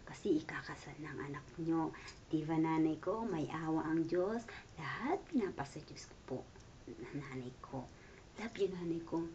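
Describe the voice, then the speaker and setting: Young Filipino woman, accented, lowish voice, playful and tender, slips into whispers; dull lo-fi recording with a faint hiss. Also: moderate pace. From Philippines. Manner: affectionate, playful, mixing English into Tagalog, often dropping to a soft whisper. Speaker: daughter working away from home. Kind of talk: personal birthday video message.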